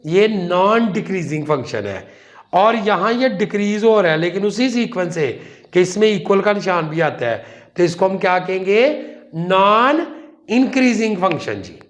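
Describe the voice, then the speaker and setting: A man teaching a math lesson, slowly asking and answering his own questions and calling his students "children". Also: sits high. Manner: slow, explains step by step, asks and answers his own questions; calls students "children" and "son". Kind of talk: whiteboard lecture.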